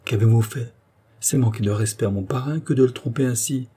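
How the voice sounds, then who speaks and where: A man's voice: mid-range voice, a little fast, dark tone, husky, lightly acted. A man voicing a proper young goddaughter who speaks primly and scolds. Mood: reproachful. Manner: prim, reproachful.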